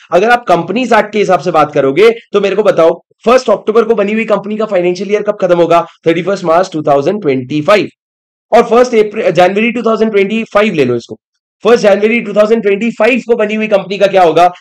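A young man teaches a law revision class with lots of energy, throwing in English terms and firing questions at his students. His voice sits high for a man. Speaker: law lecturer for accounting exam students. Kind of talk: online revision lecture.

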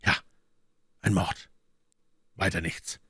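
A man reading a brooding, hard-drinking noble musketeer in an audiobook, with low, subdued, grim delivery. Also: takes it slowly, sharp tone, dry recording, studio quality. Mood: grim, bitter.

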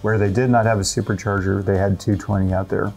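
A man's voice: fairly low pitch, little pitch movement, fast, vocal fry, a little mellow. A middle-aged man in a studio chatting in an easygoing, self-deprecating way. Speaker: co-host. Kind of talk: casual studio conversation. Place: indoor studio with a car.

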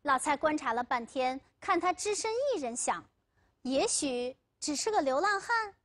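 A woman lecturer on a TV legal program, telling a story in a vivid, expressive way. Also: sits high, normal speed. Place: TV studio.

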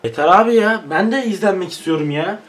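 A man's voice: sits high, fast talker, recorded from a distance, heavy background noise. A young man on his own channel, ranting in frustration with lots of swearing and laughing asides. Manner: frustrated, swearing, half-joking rant. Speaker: YouTuber. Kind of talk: ranting vlog.

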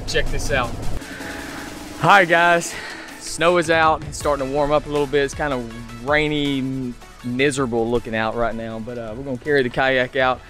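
A man's voice: mid-range voice, normal speed. A man in his thirties talking casually to a handheld camera at arm's length outdoors, explaining his fishing gear with plenty of "uh"s. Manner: relaxed, filler-heavy explaining. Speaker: fishing vlogger. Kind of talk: casual vlog narration. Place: outdoors on a suburban street and lakeside, also in a truck. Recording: music playing underneath. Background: background music.

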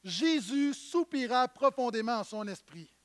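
A man preaching a sermon with a strikingly high voice. He talks to the congregation in a lively, conversational way and breaks off with quick asides. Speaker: pastor.

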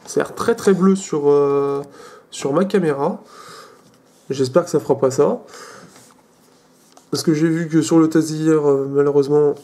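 A man's voice: a little high, fairly even intonation, measured pace, long pauses, dark tone. Hesitant young French man demoing tech. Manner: hesitant, many fillers and restarts. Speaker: tech video host. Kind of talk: casual screen demo.

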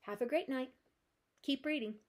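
A woman librarian reading a children's chapter book aloud with gentle, steady storytelling. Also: sits high, normal speed.

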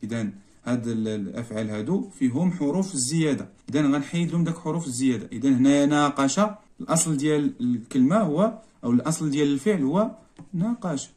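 A man with a Moroccan Arabic accent, a primary school teacher going through a worksheet and repeating each word slowly, drawn out for the pupils. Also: on the high side, animated, warm tone. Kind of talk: explaining a worksheet lesson.

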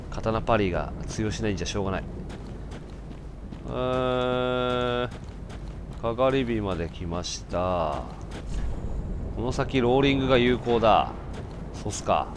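A man giving casual let's-play commentary, breaking from muttered asides into loud startled outbursts. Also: medium pitch, noisy background.

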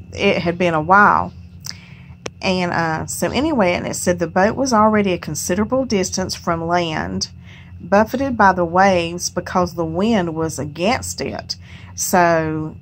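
A woman hosting a home Bible study, reading scripture aloud and musing on it in a folksy, unhurried way. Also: on the low side, slight background noise. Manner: folksy, unhurried, reads scripture aloud then muses on it with "you know". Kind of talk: casual Bible reading and reflection.

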